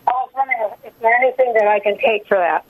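A woman from Utah calling into a radio health show on speakerphone, her halting voice sounding hollow, as if in a tunnel. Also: fairly high pitch. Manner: hesitant, halting with fillers. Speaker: caller.

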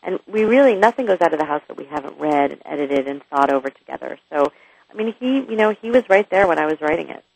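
A woman's voice: low-pitched, expressive, fast, vocal fry, a little mellow, husky, no room sound, poor audio. A woman author guesting on a radio interview, talking candidly and chattily with frequent restarts and asides.

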